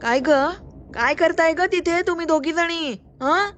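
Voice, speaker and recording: Strict old granny in a told story, loud and sharp; a woman voices her. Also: very high-pitched, a little slow, a little hiss or hum. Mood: scolding. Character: stern, scolding old grandmother, quick-tempered.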